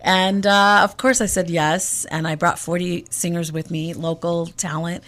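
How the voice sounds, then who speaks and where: A woman with a fairly low voice speaks at a measured pace. Raised in Egypt, this jazz vocalist tells stories in a casual radio interview as an animated storyteller, acting out quotes and repeating words as she starts.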